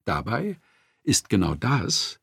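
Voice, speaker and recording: A man narrating a nonfiction audiobook in a measured, expressive reading, close to the mic. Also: fairly low pitch, gravelly, breathy edge, no echo.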